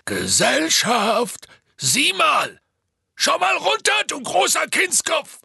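A man voicing a huge, clumsy half-giant man who calls out loudly and strains his voice to coax and scold, in an audiobook. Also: low voice, a little slow, vocal fry, husky, dry recording, clean studio sound, voice pushed down, full character voice. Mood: calling, coaxing. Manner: loud, strained calling out, pleading and scolding.

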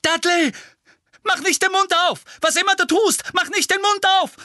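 A man reading an audiobook voices a frightened teenage boy wizard who hisses and shouts urgent commands. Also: medium pitch, animated, fast talker, slightly rough. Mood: desperate shouting. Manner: tense, hissing and shouting commands.

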